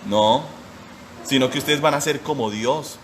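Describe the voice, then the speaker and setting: A man's voice: mid-range voice, measured pace, background noise, pitched below the performer's own voice, close to an everyday voice. A man in his forties voicing a sly male devil who coaxes and persuades. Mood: coaxing. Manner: coaxing, persuasive.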